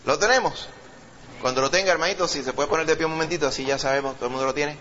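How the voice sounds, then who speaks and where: A male pastor with a Puerto Rican accent who leads a sermon, reads scripture slowly with rising emphasis, and prays fervently, repeating "Señor" and "Padre". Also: a little high, pushed and bright, highs cut off, slight background noise. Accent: Puerto Rican Spanish. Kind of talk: sermon with scripture reading and prayer.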